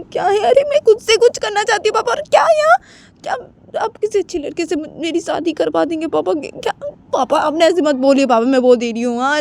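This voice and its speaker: A woman's voice: very high-pitched, darkish tone, voice pushed up. A woman voicing a college-age daughter who pleads with her father, repeating "papa" over and over in an amateur spoken story. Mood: defiant. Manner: repetitive, pleading with many "papa"s.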